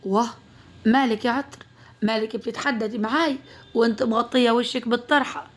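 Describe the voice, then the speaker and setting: A protective young doctor speaks with firm, caring insistence in a spoken family story, with a woman storyteller doing him. His Upper Egyptian voice is pitched fairly high. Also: fairly even intonation, brisk, close to an everyday voice.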